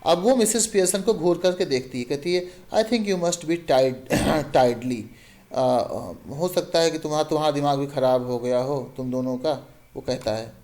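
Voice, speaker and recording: A man's voice: on the high side, normal speed, darkish tone. A man teaching a class, reading a play aloud and acting out the characters' lines, switching between English and Hindi.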